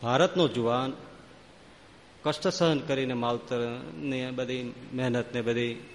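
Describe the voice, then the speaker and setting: A man's voice: medium pitch, steady tone, slow, big-room sound, slight background noise. A man giving a devotional sermon, telling stories and reeling off long spoken lists. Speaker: preacher.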